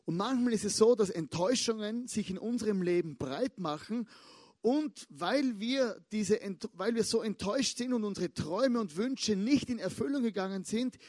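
A young man giving a lively, casual sermon, chatting with asides and stretching key words slowly for emphasis. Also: high voice, dry recording, studio quality. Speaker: pastor.

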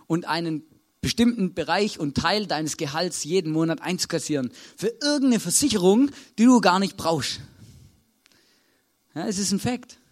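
A man with an Austrian accent preaching a sermon in a conversational way, checking in with listeners after nearly every sentence. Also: sits high. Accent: Austrian German.

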